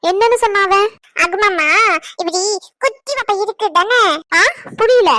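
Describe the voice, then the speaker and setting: A woman voicing a chatty, curious little boy in an animated family drama, with childlike lisping speech. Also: very high voice, moderate pace, no room sound. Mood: eager. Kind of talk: cartoon family-drama voice acting.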